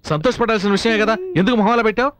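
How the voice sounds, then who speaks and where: A man's voice: sits high, racing, a bit bright, no room sound. A blustering middle-aged father scolds his son at a breakneck clip in a raised voice. The dialogue is dry and close, with film music beneath. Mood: scolding.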